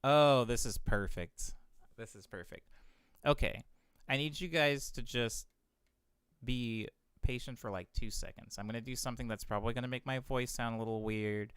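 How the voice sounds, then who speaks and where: A young man casually explaining audio effects to stream viewers, excitable and thinking aloud. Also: mid-range voice, normal speed, smooth, dry recording. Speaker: music producer streaming a tutorial.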